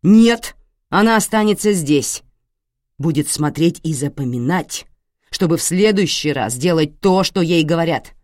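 Woman doing a raging dad in an audiobook, yelling threats, pitch all over the place, dry close sound. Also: sing-song, measured pace, few pauses, no room sound. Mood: furious shouting. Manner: roaring, threatening. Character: violent enraged middle-aged father.

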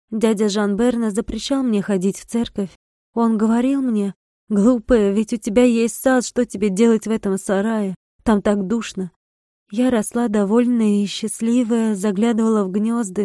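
A wild, passionate young village girl, as a woman reading the story puts her on, pitched up and louder than the narration, her plea urgent and stubborn. Her tone stays mellow and soft-edged, and the sound is close and dry. It is storybook reading with real feeling in it. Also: fairly even intonation, moderate pace, dry recording, lightly acted. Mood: calm pleading. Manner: pleading, impassioned.

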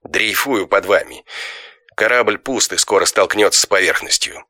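A man's voice: fairly low pitch, moderate pace, pushed and bright, dry recording, studio quality. A man reading a nervous, breathless male astronaut reporting over the radio in an audiobook. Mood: tense report.

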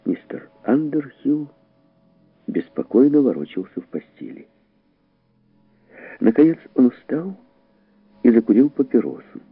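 A man reading an audiobook story aloud in a dramatic, expressive way, heightening his voice for the characters. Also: medium pitch, measured pace, pauses often, husky, no echo, narrow, tinny audio. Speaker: audiobook narrator.

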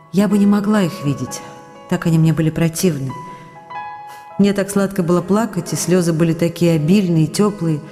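Faint music plays in a reverberant studio as a radio drama actress voices a young woman's letters of tender longing. Her lowish, warm voice sounds close to everyday speech, and she reads intimately and with emotion.

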